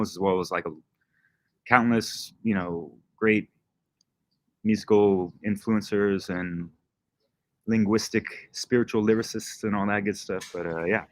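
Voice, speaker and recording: Laid-back, slangy low-voiced man. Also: fairly even intonation, moderate pace. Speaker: guest, DJ and podcaster. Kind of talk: casual livestream chat.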